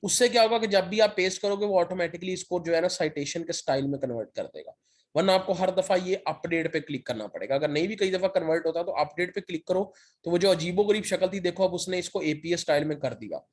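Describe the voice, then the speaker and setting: Man teaching software with a sore throat. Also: high-pitched, fast talker. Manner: step-by-step, repeats "ठीक है" to check in. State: sore throat, occasional cough. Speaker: lecturer. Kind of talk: screen-share software tutorial.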